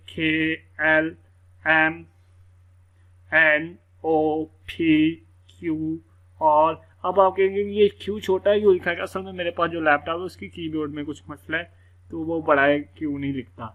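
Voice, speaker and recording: Over phone-quality sound, a man with a voice on the high side runs a casual screen-recorded English reading lesson. He keeps things loose and repetitive, dropping "theek hai" again and again.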